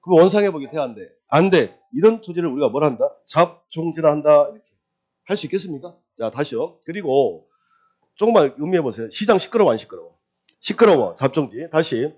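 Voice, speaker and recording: A man with a fairly high voice gives an exam-prep lecture on real estate law. He keeps quizzing the class with quick rhetorical questions, answers them himself, and drills key terms by repeating them in a singsong way. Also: lively intonation, a little mellow, husky.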